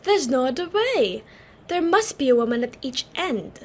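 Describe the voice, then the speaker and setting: Woman as very high-voiced timid young daughter. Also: very animated, normal speed. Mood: anxious. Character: timid, reluctant young unmarried society daughter. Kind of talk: dramatic play reading.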